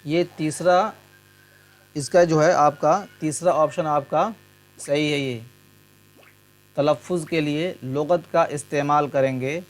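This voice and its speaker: A man teaching past exam questions, going through each option in turn and glossing terms with Hindi and English words. His voice sits a little high for a man. A faint mains hum runs under the recording. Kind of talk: explanatory exam lesson.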